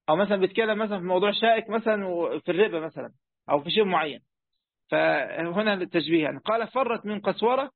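A man's voice: high voice, dry recording, narrow, tinny audio. A man with an Egyptian accent teaching a lesson on a religious text, chatty and full of questions to his students. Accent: Egyptian Arabic. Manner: conversational, asks students questions, many fillers. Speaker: teacher of Quran commentary. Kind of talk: classroom lesson explaining a text.

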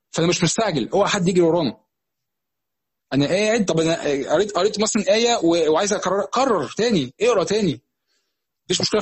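A man with an Egyptian Arabic accent teaches at a very fast clip, restarting and repeating words as he goes. His voice is husky and a little high. The recording is dry, with no room echo. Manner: fast, conversational teaching with many restarts and repetitions. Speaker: preacher. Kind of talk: religious lesson.

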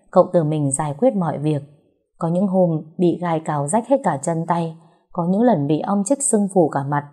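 A woman narrating a dramatic story in a steady, somber way. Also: lowish voice, husky.

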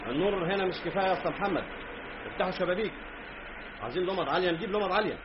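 An actor playing a bossy workshop boss. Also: male voice, high voice, racing, natural voice. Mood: commanding. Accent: Egyptian Arabic. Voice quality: commanding, brusque. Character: elder brother, workshop owner, bossy. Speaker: workshop owner. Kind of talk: Egyptian radio drama acting. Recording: dull lo-fi radio recording with faint noise.

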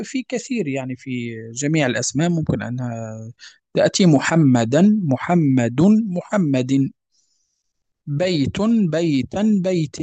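A man teaches tajwid in a patient, repetitive way, pausing to ask whether it is clear. His voice sits a little high yet sounds mellow and warm. The recording is dry and close, with no room echo. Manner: patient, repeats examples and checks understanding. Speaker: Quran recitation teacher. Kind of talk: explanatory lesson with verse recitation.

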